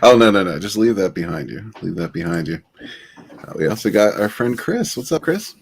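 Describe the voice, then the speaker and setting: Deep-voiced joking male podcast host. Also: big pitch swings, moderate pace, gravelly, slightly rough. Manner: upbeat, joking, laughs often. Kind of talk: casual chat.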